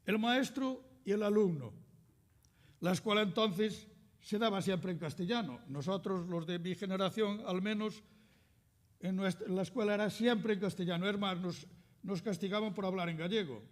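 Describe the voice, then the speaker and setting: A man's voice: sits high, moderate pace. Older Galician man lecturing in echoing hall. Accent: Galician Spanish. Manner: reads captions aloud with lively quoted voices, translating as he goes. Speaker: historian lecturer. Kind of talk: lecture presenting cartoons.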